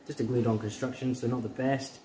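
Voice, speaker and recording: A Scottish cobbler in his thirties chats casually with viewers from his small shoe repair shop in a workshop vlog. He's relaxed and talkative, calling his audience "guys," with a medium-pitched voice that runs a little fast.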